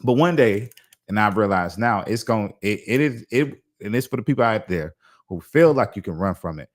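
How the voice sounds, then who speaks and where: Low-voiced man, reflective podcast host. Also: animated, normal speed. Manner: reflective, talks in restarts and asides. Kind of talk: casual interview chat.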